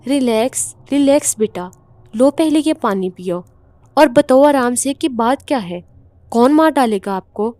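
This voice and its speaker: A woman voicing a worried, protective father who calms his frightened family in a horror story. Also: on the high side, no room sound, lightly acted. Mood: soothing. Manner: soothing, reassuring. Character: worried middle-aged father, calm and protective.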